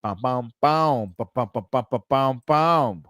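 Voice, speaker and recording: A man's voice: mid-range voice, a little slow, fairly bright tone, no echo. Tipsy man hosting a rambling quiz stream. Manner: rambling, loose, swearing, reads quiz options aloud. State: tipsy, self-described as wasted. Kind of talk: casual livestream chat.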